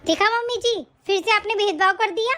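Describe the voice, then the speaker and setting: A woman's voice: extremely high pitch, a little fast, sharp tone. A woman voicing a lazy, quarrelsome elder daughter-in-law in a cartoon story, whiny and always complaining. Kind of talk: cartoon voice acting.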